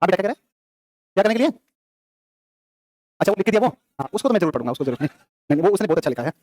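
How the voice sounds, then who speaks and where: A male teacher, lecturing a classroom, quizzing students and answering his own questions in quick repetitive drills. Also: high-pitched, very animated, darkish tone, no room sound.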